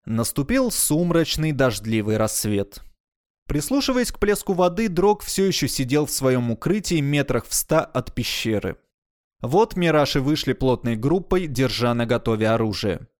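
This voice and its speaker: A male narrator reads a science fiction story in a measured, expressive manner. His voice is middle-pitched for a man, steady and clear. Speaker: audiobook narrator. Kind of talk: audiobook narration.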